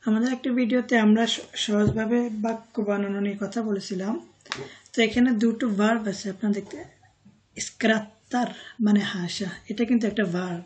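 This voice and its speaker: A woman teaching a vocabulary lesson, saying each word slowly and then its meaning, with fillers and self-corrections now and then. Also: medium pitch, steady tone, a little mellow. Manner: pauses with fillers and corrects herself. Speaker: language teacher.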